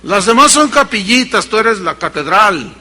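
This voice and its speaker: A man's voice: high voice, sing-song, moderate pace, bright, forceful tone, long reverb tail, exaggerated voice. A preacher voicing a cheating husband who sweet-talks his wife. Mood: coaxing. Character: smooth-talking cheating husband, middle-aged man.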